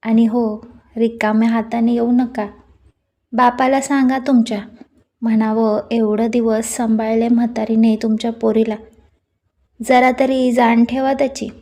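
A woman voicing a sharp-tongued, scolding middle-aged aunt on the phone in a storybook reading. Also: on the high side, level tone, measured pace. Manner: taunting, nagging.

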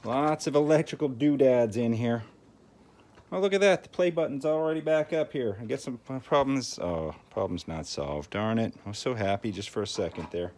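In a mid-range, expressive, slightly mellow voice at normal speed, a man hosting a tinkering channel narrates a casual repair, musing folksily as he goes. He sits indoors at a work table. Clicks and handling noises are heard clearly behind him.

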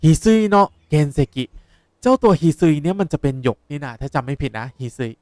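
A young man, a language teacher explaining words in a lively way while playing a game. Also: on the high side, a little fast, no room sound, studio quality. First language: Japanese. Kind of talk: game playthrough lesson.

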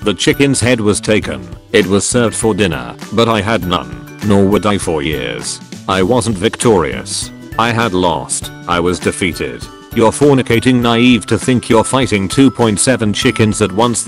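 Low-voiced male narrator over faint music. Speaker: narrator reading forum posts. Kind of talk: scripted reading aloud. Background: faint background music.

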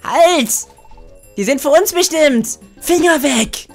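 A woman voicing an earnest little monster hero from a video game, excitable and protesting. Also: high-pitched, slow, faint music behind, pitched above the performer's own voice, heavily acted. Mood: indignant.

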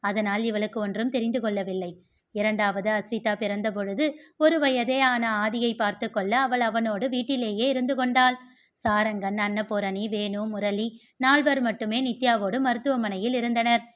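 A woman narrating a novel as an audiobook in an even, steady storytelling manner. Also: on the high side, normal speed. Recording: dull lo-fi recording.

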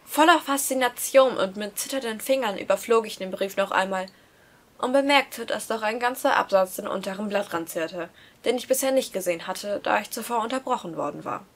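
A woman reading a first-person story aloud with lively, emotional narration. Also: mid-range voice, brisk. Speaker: reader of a story.

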